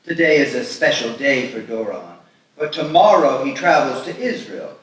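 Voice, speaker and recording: A man reads the part of a kindly, proud and protective older rabbi at a live festival table read, speaking formally with warmth. His medium-pitched voice is a bit bright and sing-song, at a moderate pace. The echoey room is captured from a distance, with faint noise.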